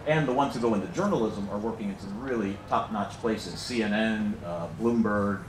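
At a moderate pace and in a fairly low voice, a middle-aged American program director welcomes an audience informally, cracking jokes and using many fillers. Filmed from the back of a big lecture hall while holding a handheld mic, he sounds far away and roomy against a noisy background.

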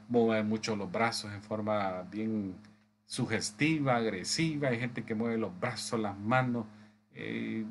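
A man lecturing medical assistants from slides, speaking haltingly with many restarts and frequent tag questions. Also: mid-range voice, slight background noise. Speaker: instructor.

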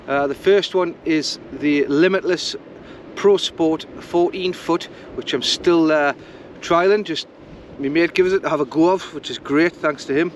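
A man's voice: a little high, slight background noise. A man chatting casually to camera while fishing on a beach, rambling and thinking aloud as he goes. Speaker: fishing vlogger. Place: outdoors on a beach. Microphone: camera mic.

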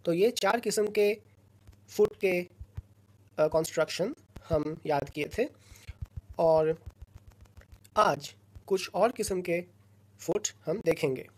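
A woman teaching a recorded lesson, explaining slowly and patiently in short phrases with pauses between them. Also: lowish voice, slightly rough. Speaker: lecturer.

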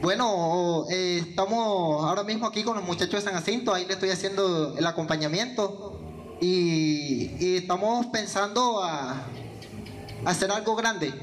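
With slight background noise behind him, a young Venezuelan man talks at normal speed in a high-pitched voice, answering interview questions as a guest musician. He's hesitant, with frequent fillers and restarts, speaking into a handheld microphone inside a hall with yellow walls.

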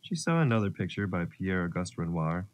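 A man narrating a children's story, gentle and expressive. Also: deep voice, fairly quick, slight background noise.

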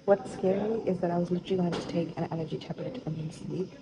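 A woman's voice: lowish voice, fairly even intonation, fast, creaky. A woman vlogging on her phone in casual chat, talking loosely with lots of fillers. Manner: chatty, filler-heavy talk with many "like"s. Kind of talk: casual selfie vlog. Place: busy hospital ward. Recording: busy hospital crowd noise behind.

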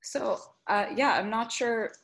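A woman's voice: on the high side, takes it slowly, gravelly, a bit bright. Young woman facilitator on a video call. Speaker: workshop facilitator. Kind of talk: facilitating a discussion. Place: indoor living room with lamp.

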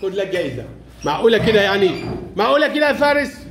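A man teaching young pupils in a classroom, brisk and playful, calling each child up by name. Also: high-pitched, big pitch swings, noisy background. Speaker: primary school Arabic teacher.

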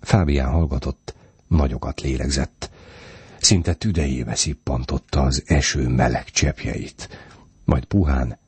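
A man reading a short story aloud as audiobook narration, calm and measured. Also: extremely low pitch, slightly rough, no echo. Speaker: audiobook reader.

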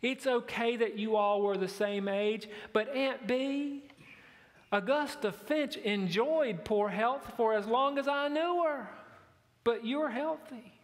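A man's voice: extremely high pitch, slow pace, long reverb tail, voice pushed up. A man quoting a kindly small-town sheriff as he consoles his aunt. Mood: reassuring. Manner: gentle, reassuring.

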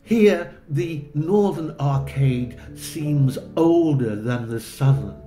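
A man gives a slow, unhurried tour of an old stone church, explaining each feature patiently. His voice is mellow and relaxed, and it rings in a roomy space while soft guitar music plays faintly behind him. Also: fairly high pitch. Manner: measured, explanatory, gently enthusiastic. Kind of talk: unhurried documentary narration.

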